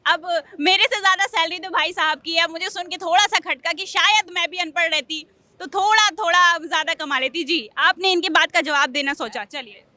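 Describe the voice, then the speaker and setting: A woman street reporter interviewing passers-by, sharp and quick to argue back. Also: very high-pitched, no echo. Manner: confrontational, quick retorts. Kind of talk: street vox pop.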